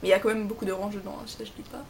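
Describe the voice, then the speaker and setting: A woman with a Belgian French accent reviewing makeup in a chatty, expressive way, mixing joking asides with product details. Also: medium pitch, racing, vocal fry, a little hiss or hum. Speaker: beauty vlogger.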